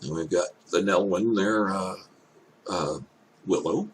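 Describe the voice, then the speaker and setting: An older man with an elderly-sounding voice gives casual off-the-cuff commentary, thinking aloud in halting, hesitant phrases. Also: sits low. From Canada. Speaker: reaction video host. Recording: clear background noise.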